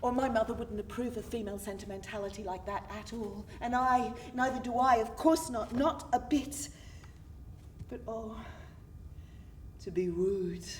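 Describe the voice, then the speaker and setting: A woman's voice: fairly high pitch, distant mic, slight background noise, natural voice. A woman playing a dramatic teenage girl. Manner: theatrical, swings between giddy and hushed. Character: teenage girl Mary, romantic, dramatic, self-mocking. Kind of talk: one-woman stage monologue. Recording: roomy stage sound from afar, music.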